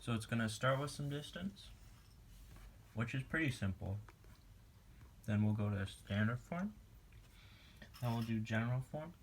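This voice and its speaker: A student helps a classmate with math in an informal homemade walkthrough, talking slowly and jokingly while writing and snacking. His male voice is medium-pitched and animated, and there's slight background noise in the indoor room at home.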